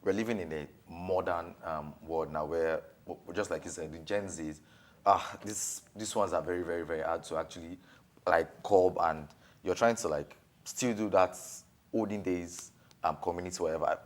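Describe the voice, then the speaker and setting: A man's voice: low voice, normal speed. A man hosting a TV talk panel, who talks with many fillers and restarts. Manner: hesitant, many fillers and restarts, agreeing often. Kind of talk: studio discussion.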